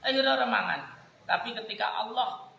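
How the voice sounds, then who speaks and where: A man with a Javanese accent preaching and telling personal stories, swinging from loud to hushed and mixing in Javanese. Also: very high voice, fairly quick, gravelly, reverberant, a little hiss or hum, rough recording. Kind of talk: religious talk with personal stories. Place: gathering hall.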